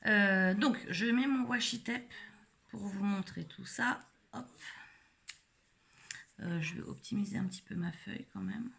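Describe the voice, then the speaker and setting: A woman's voice: mid-range voice, measured pace, gravelly, long pauses, fairly bright tone. A middle-aged woman casually demonstrating a craft technique live, rambling with many hesitations and fillers. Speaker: scrapbooking vlogger.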